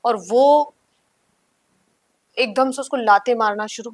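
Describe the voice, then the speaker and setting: A woman's voice: on the high side, slow pace, dry recording. A woman guest on a podcast, telling a story vividly and acting out what she once said. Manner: vivid storytelling, acting out her own past lines. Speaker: guest singer.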